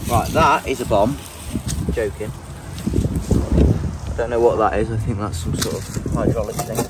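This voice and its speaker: A young man, excitedly chatting and joking with his father while magnet fishing outdoors. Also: medium pitch, moderate pace. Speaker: magnet fishing vlogger, son. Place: outdoors by water. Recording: loud outdoor background noise.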